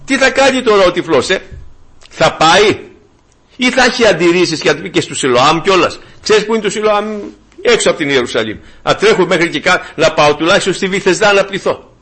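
A man's voice: sits high, expressive, fairly bright tone, husky. A man preaching a sermon to his congregation, fervent and emphatic, asking rhetorical questions and repeating key phrases.

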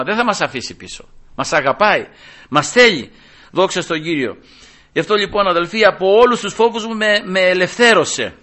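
Fervent man in his sixties preaching. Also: fairly high pitch. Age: 60s. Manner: fervent, swings between hushed asides and loud cries; addresses listeners as brothers again and again. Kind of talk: sermon.

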